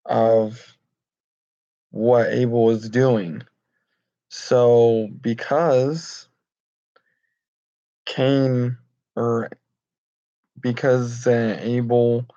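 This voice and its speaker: A man reading and explaining Bible verses in an informal, halting way with many fillers and restarts. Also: mid-range voice, warm tone, no room sound. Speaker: Bible study teacher. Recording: dull lo-fi home recording.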